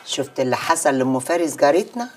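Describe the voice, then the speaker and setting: A woman's voice: deep voice, animated, fast talker, noisy background. A woman with an Egyptian accent playing a doting, gossipy mother who fusses over her son.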